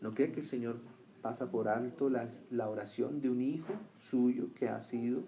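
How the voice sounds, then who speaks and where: A man preaching a sermon who keeps asking his listeners questions and answering them, rising loud on key lines and dropping low and quiet on others. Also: fairly even intonation, normal speed, vocal fry, slight background noise. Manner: swings between raised emphatic lines and quiet low remarks.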